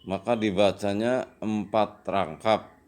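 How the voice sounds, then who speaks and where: A man teaching a children's lesson in a patient, slow manner, often adding "ya" as he explains. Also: fairly low pitch, steady tone. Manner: slow and patient, with frequent "ya" tags and louder drawn-out recitation. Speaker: religious studies teacher.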